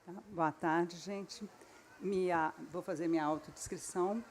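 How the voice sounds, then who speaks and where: A woman's voice: fairly low pitch, fairly even intonation, a little slow, darkish tone, a little hiss or hum. A woman with a Brazilian accent, an author and journalist, explaining her story plainly on a festival panel. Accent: Brazilian Portuguese. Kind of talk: panel talk. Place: stage at a literary festival.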